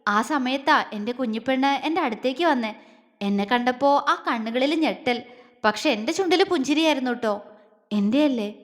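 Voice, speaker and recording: A woman voicing a tender young man who speaks softly and affectionately while confessing his love in an audio story. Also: sits high, fairly quick, close to an everyday voice. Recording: long reverb.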